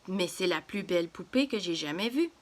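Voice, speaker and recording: A woman's voice: fairly low pitch, animated, a little fast, natural voice. A woman voicing a jumpy male shopper. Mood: admiring. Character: easily startled adult male shopper.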